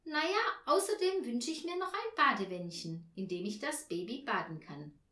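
A woman doing an eager little girl in an echoey room. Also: moderate pace. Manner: high, pleading, excited. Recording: roomy echo.

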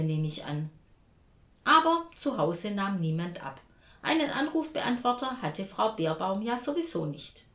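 A woman narrating a story in an animated, dramatic reading style. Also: mid-range voice. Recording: roomy echo.

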